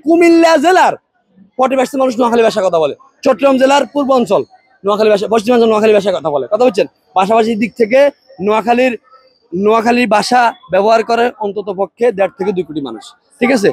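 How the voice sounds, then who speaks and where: A man's voice: sits high, lively intonation, rapid-fire, husky, no echo. A man from Noakhali speaking with a Noakhali Bengali accent in a street interview, arguing hard, repeating himself and checking that listeners follow. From Noakhali, Bangladesh.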